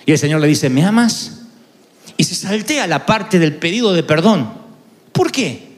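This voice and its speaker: A man's voice: on the high side, sing-song, a little slow. A man preaching with an Argentine accent, telling a funny personal story and playfully acting out the voices in it. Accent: Argentine Spanish. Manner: playful, acts out voices in anecdotes. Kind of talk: humorous storytelling sermon.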